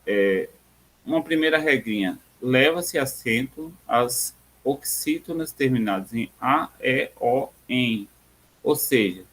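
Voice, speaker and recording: A Brazilian man giving a recorded grammar lesson, pausing often on fillers and spelling out example words slowly. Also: medium pitch. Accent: Brazilian Portuguese. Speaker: teacher.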